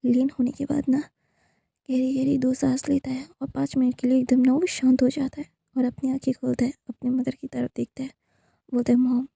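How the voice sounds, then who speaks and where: A woman's voice: high-pitched, flat delivery, a little fast, vocal fry, warm tone, husky, no echo. A woman casually retelling a fan fiction story, rambling with many fillers and repeated narrator tags.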